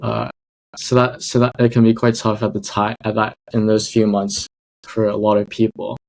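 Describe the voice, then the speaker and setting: Young man with gravelly low voice. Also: monotone, normal speed, a little mellow, slight background noise, low-quality recording. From Hong Kong. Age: young adult. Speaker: podcast guest. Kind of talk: casual interview.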